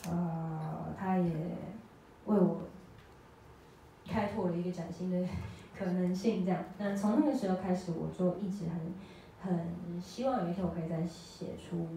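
A woman's voice: lowish voice, mellow. Echoey young woman chatting onstage. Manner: chatty, self-teasing, laughing between phrases. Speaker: singer-songwriter. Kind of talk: casual stage banter between songs. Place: small cafe, indoors, live gig. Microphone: vocal mic on a stand, heard from the room. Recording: very echoey, from far off, faint noise.

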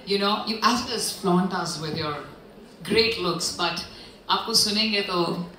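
A woman's voice: on the low side, brisk, bright, forceful tone, a little hiss or hum. A woman with an Indian accent hosting an awards show, announcing effusively and emphatically from the stage. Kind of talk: exuberant stage announcing, drawn-out name calls. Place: large indoor stage at a podium. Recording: very echoey hall PA, music behind.

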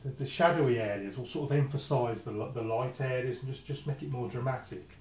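A man's voice: medium pitch, fairly quick, darkish tone. A man, giving a casual watercolour lesson at his easel and thinking aloud with many restarts. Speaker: watercolour painting instructor. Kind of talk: casual painting demonstration. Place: indoor studio at an easel. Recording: echoey room with clear background noise.

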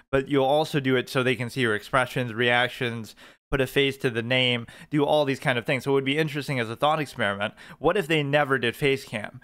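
A man's voice: medium pitch, a bit bright. A man giving opinionated, off-the-cuff reaction commentary in a critical, argumentative manner.

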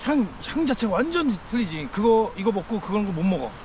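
A man with a high voice talks through a face mask on a mountain slope, breaking into excited exclamations and joking around as he forages. The outdoor recording carries clear background noise. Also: brisk. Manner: excited exclamations, playful teasing. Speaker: vlogger foraging wild greens. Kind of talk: casual chat while foraging.

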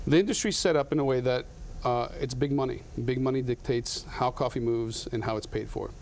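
A man's voice: medium pitch, a little fast, darkish tone, a little hiss or hum. A man in his thirties from Latin America, a guest in a TV studio interview, talking earnestly with frequent restarts on a lapel mic. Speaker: guest, coffee company founder.

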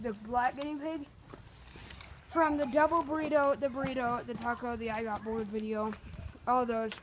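A woman's voice: a little high, a little hiss or hum. A young girl talking casually through a cooking vlog, rambling and making it up as she goes, filmed on a handheld phone at home. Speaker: vlogger. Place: home kitchen and backyard. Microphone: handheld phone camera.

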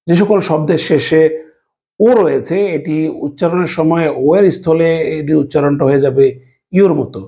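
Gravelly Bangladeshi man teaching a lesson. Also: on the high side, mellow. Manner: explains slowly, spells out letters, frequent fillers. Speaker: language teacher. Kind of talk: casual spoken lesson.

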